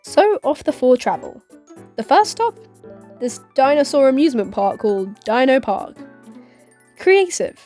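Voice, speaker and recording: A woman's voice: sits high, very animated, measured pace, pauses often, dark tone, faint music behind. A woman in her twenties recapping a film in a casual commentary vlog, full of sarcastic asides and giggles. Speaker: YouTube commentator.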